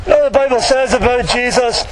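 A man's voice: extremely high pitch, brisk, rough recording. A man preaching in the open air to passers-by, exhorting them in a colloquial, repetitive way. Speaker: street preacher. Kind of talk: open-air evangelistic sermon, addressing passers-by. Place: outdoors in a public street. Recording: outdoor street recording with faint traffic noise.

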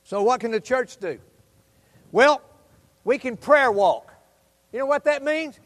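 A man preaching a sermon as a pastor, fervent and exhortative, appealing directly to his listeners and swinging between loud emphasis and hushed asides. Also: very high-pitched, animated, a little slow. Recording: hall reverb.

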